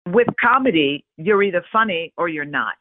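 An expressive woman chats as an interview guest, her voice coming through a narrow, tinny phone-like line. The sound is dry and close, with no room echo. She tells stories with lively energy. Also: on the low side, moderate pace. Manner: expressive, animated storyteller. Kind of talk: casual interview chat.

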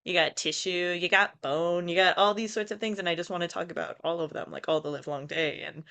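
A woman co-hosting a podcast in casual chat, talking enthusiastically with quick bursts when excited. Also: on the low side, smooth. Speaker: podcast co-host.

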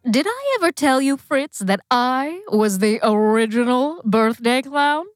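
A self-important professor of birthdays, hosts a comedy podcast with theatrical grandeur. The voice is very high and animated, taking its time in a dry, close recording. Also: female voice, measured pace, no echo, soft background music. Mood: boastful, proud. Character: self-important, boastful professor of birthdays, proud original clown. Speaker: podcast host. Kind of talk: comedy podcast character acting.

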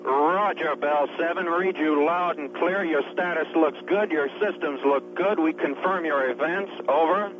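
A man's voice: on the high side, measured pace, few pauses. Man on a muffled, noisy radio link. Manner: clipped radio procedure talk. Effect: radio transmission. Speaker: ship communicator. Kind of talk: radio communications.

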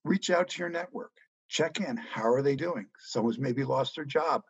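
A middle-aged man answering interview questions about money in a measured, reassuring way. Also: mid-range voice, vocal fry, slightly rough, no room sound, muffled recording. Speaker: guest economics journalist.

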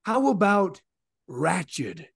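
A folksy dwarf adventurer, put on by a man at a game table. The voice is husky and friendly, swinging very widely in pitch. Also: huge pitch swings, slow, full character voice. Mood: friendly, eager. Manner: chummy, informal.

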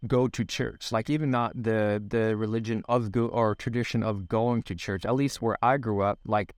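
Fairly low in pitch, this Swedish man in his thirties speaks English with his native accent as a guest in a casual podcast interview. He reflects with frequent fillers and restarts, and the sound is clean studio audio, dry.

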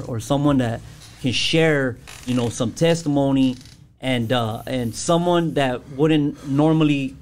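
A man with a medium-pitched voice talks as a guest on a podcast. He shares personal testimony casually, often halting to find the right word, with street slang throughout. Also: darkish tone. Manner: halting, searching for words, slangy.

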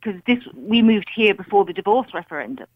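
A woman's voice: medium pitch, very animated, a little fast, slightly rough, no echo. A middle-aged woman with an English accent chatting casually as a caller to a radio phone-in. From England. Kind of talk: casual conversational anecdote. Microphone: telephone. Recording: dull lo-fi phone-in line.

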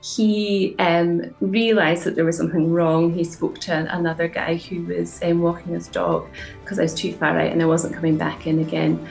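Highland scottish woman telling her own story, bit of vocal fry, roomy echo. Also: flat delivery, normal speed, a little mellow, soft background music. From Inverness, Scottish Highlands. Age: 40s. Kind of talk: personal account in an interview.

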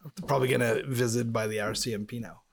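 A man's voice: medium pitch, fairly even intonation, fast talker, creaky, breathy edge. A man from Montreal, Canada, co-hosting a casual podcast chat and rambling through stories. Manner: chatty, rambling storyteller. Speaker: podcast co-host.

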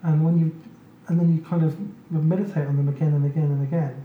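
A man's voice: a little high, little pitch movement, fast. Man hosting, with brief affirmations. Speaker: podcast host. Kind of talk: conversational interview. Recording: roomy, slightly dull sound with faint noise.

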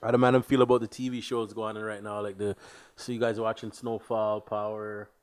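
A man's voice: on the low side, little pitch movement, fairly quick, clean tone. Toronto man hosting in casual slang. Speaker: podcast host.

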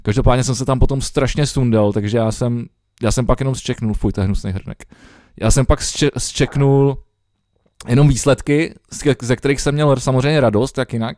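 A man's voice: mid-range voice, steady tone, darkish tone, dry recording, studio quality. A young man co-hosting a podcast over a remote call, chatting loosely with lots of swearing and fillers. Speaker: podcast co-host. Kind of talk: casual chat.

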